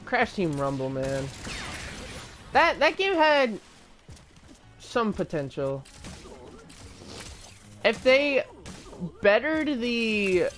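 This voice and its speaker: Unhurried, lively-pitched streamer, chatty and tangent-prone, faint music under. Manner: rambling, chatty, trails into tangents and restarts. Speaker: gaming streamer. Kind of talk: casual live-stream commentary.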